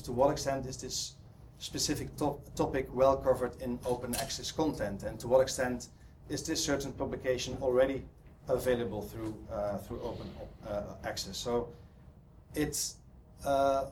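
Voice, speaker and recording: Speaking at a conference, this man from the Netherlands has a Dutch accent and a mid-range, somewhat dark voice. His talk is halting, peppered with ums and false starts, and a little background noise sits under the recording in the hall.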